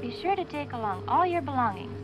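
A courteous female announcer addresses the crowd over the intercom in a high, lilting voice. She sounds distant, as if heard from the speakers across the room. Clear music plays behind her. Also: sing-song, fast. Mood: polite. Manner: polite, formal announcing. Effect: over a loudspeaker intercom. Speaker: attraction announcer. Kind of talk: scripted public announcement.

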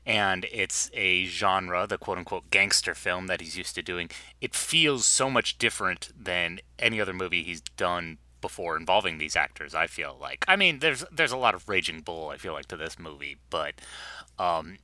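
A man's voice: low voice, lively intonation, normal speed, sharp tone, no echo. A man co-hosting a podcast in casual chat, playful and laughing, with rambling sentences. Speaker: podcast co-host.

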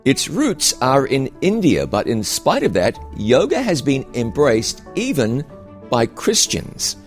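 A man who is a pastor and host, interviewing a guest with curious, quick follow-up questions and frequent restarts. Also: medium pitch, wildly swooping pitch, faint music behind.

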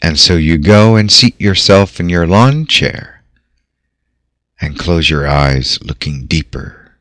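A man narrating a guided visualization in a measured, theatrical manner with long dramatic pauses. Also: deep voice, animated, no echo, clean studio sound. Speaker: host. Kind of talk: slow guided visualization narration over music. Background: soft background music.

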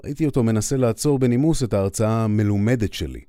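A man narrating a first-person war story in an expressive, conversational way. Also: on the low side, clean tone, dry recording, clean studio sound.

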